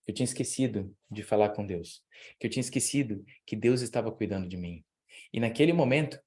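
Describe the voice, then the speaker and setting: Young Brazilian man, youth preacher, animated storyteller who voices the people in his story. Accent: Brazilian Portuguese. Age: young adult. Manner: lively storytelling, acts out dialogue with big pitch jumps. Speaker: youth week speaker. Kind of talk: sermon with personal story.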